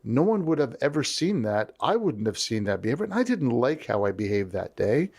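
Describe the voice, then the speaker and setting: A man as an interview guest, talking in a lively storytelling way and acting out the voices he quotes. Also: mid-range voice, fairly quick, creaky. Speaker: leadership strategist guest. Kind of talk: conversational interview.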